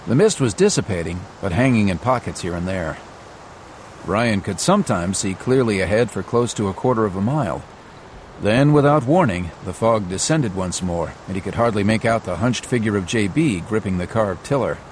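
Low-voiced man narrating adventure over noisy ambience. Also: expressive, moderate pace. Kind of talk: scripted audiobook adventure narration.

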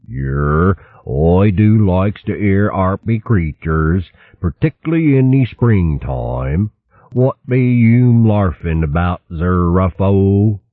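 A man voicing a stout, cheerful, dapper male mole cook who speaks a thick rustic dialect, slow and drawling. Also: sits low, expressive, dry recording. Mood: jolly. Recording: thin phone-like dry sound.

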